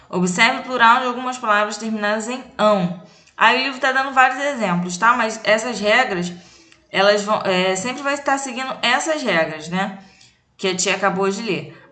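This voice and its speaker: A woman's voice: medium pitch, bright, forceful tone. A woman from Brazil, a primary school teacher, giving a recorded lesson to children and explaining patiently with frequent checks for understanding. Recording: echoey room.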